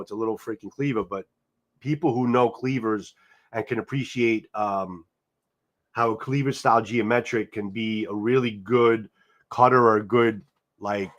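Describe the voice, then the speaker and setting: Sitting in a chair at home, a livestream host with a New York Italian-American accent rambles through viewer comments in a casual live chat. His voice is medium-pitched and a bit bright, and he repeats words and swears casually.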